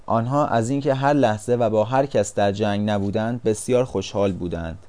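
Mellow-voiced male audiobook narrator. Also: on the low side. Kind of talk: scripted storybook narration.

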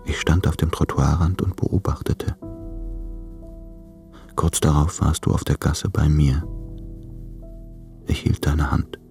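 A man's voice: a bass voice, fairly even intonation, takes it slowly, creaky, long pauses, a little mellow, in a whisper, faint music behind, heavily acted. An actor playing an anxious, brooding man in love in a radio play, speaking in a subdued, introspective way. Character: anxious, brooding male letter writer in love.

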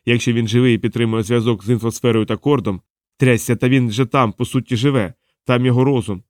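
A man voicing a gruff, nervous male gang leader in an audiobook, growling and agitated. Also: medium pitch, fairly even intonation, quick pace, a little mellow, no room sound, studio quality, close to an everyday voice. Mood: gruff, uneasy. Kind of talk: audiobook character voice.

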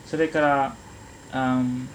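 A man conducting an oral history interview, asking polite, halting questions and giving frequent small acknowledgements. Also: mid-range voice, flat delivery, a little hiss or hum, rough recording. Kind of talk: gentle question-and-answer interview.

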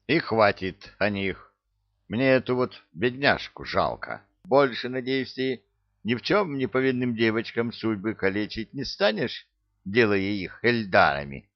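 A man's voice: fairly low pitch, very animated, a little slow, highs cut off. A man voicing a grumpy, sarcastic male cook who talks bluntly and scolds. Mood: grumbling. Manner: grumbling, blunt.

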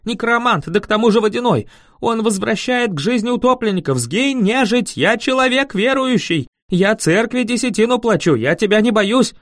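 A man's voice: very animated, fairly quick, hardly any pauses, warm tone, no room sound, studio quality. A man voicing a frightened, superstitious young peasant who shrieks hysterically. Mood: panicky. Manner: shrill, hysterical yelping. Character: panicky superstitious male peasant, young adult.

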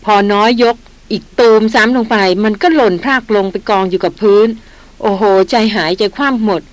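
A woman voicing a rattled young nobleman in an audiobook, talking in a hurried way. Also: medium pitch, dry recording, close to an everyday voice.

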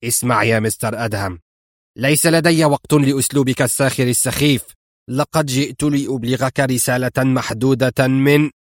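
A man's voice: medium pitch, brisk, dry recording, studio quality, close to an everyday voice. A man reading an audiobook and voicing a cunning, smug old male villain in a wheelchair. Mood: sly, smug. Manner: smug, mocking, theatrical.

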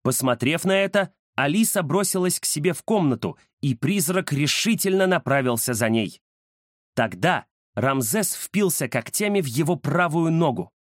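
A man narrating a children's adventure story in a dramatic, expressive way. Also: a little high, normal speed, no echo, clean studio sound.

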